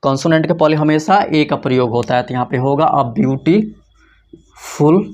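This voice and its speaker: Male teacher, slightly high voice, explains grammar step by step with questions and answers. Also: moderate pace, a little mellow. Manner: asks questions and answers them himself, repeats key points. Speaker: English teacher. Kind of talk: classroom grammar lesson.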